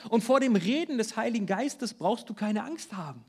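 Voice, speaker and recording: A male pastor preaching a sermon at a church service, earnest and animated, speaking directly to the congregation. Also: sits high, moderate pace, breathy edge.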